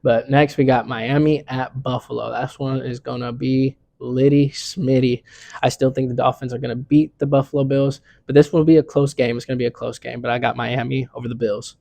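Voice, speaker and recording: A man's voice: mid-range voice, level tone, a little fast, vocal fry, dark tone, no room sound. A young man hosting a casual sports picks vlog, talking in a laid-back, slangy way full of "you know what I'm saying".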